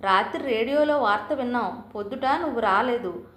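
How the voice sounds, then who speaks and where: A woman's voice: fairly high pitch, moderate pace, a bit bright, close to an everyday voice. Woman reading as a shaken bald uncle. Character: distraught older uncle, bald, comforting the family. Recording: roomy echo.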